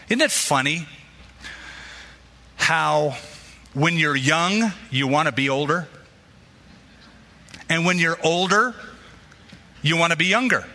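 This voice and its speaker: A male pastor preaches with a very bright, forceful tone, his somewhat high voice ringing through a hall with long reverb. He tells stories in a lively way, acting out the voices of the people he quotes.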